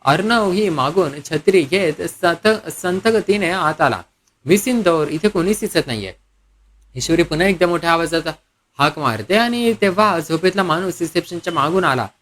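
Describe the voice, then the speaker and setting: A man's voice: on the high side, animated, moderate pace, a bit bright. A man retelling a TV serial episode as a dramatic story, with small slips and fillers.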